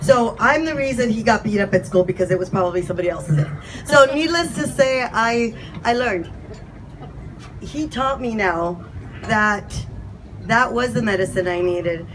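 A woman in her fifties from California speaks into a handheld mic to a crowd standing around an outdoor patio event, her medium-pitched voice lively at a moderate pace. The audio is poor with slight background noise. A community speaker, she gives an informal speech that is candid, impassioned and self-deprecating.

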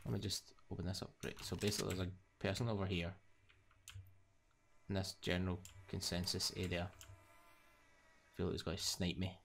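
A man's voice: sits low, little pitch movement, moderate pace, vocal fry, long pauses, fairly bright tone, a little hiss or hum. A young man giving casual live commentary while he plays, muttering to himself and swearing freely. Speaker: gamer.

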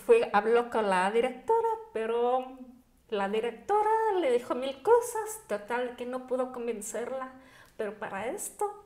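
A woman's voice: on the high side, big pitch swings, unhurried, a little mellow. A young woman, recounting a story as a podcast guest. She talks animatedly, leans on fillers and acts out little quoted lines. The room gives her voice a noticeable echo. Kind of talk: casual storytelling. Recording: echoey room.

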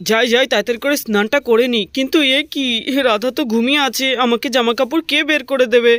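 A woman's voice: on the high side, fairly even intonation, quick pace, a bit bright, no room sound, close to an everyday voice. A woman voicing a fussy young village husband in a doll story, chattering to himself and complaining. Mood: grumbling.

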